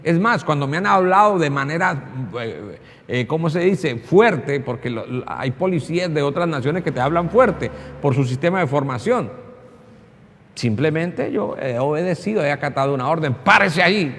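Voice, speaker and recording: Colombian male preacher, chatty delivery with acted voices, fairly high voice, long church-hall reverb. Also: lively intonation, normal speed. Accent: Colombian Spanish. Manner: conversational preaching with acted-out voices and frequent restarts. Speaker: pastor. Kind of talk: sermon.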